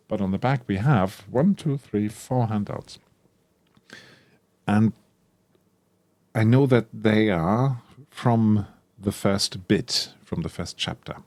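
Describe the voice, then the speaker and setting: With a fairly low, darkish voice and lively intonation, a tabletop RPG creator unboxes a product at a measured pace, leaving long pauses. He's clearly enthusiastic, thinking aloud with plenty of ums and self-corrections, and there's no room sound.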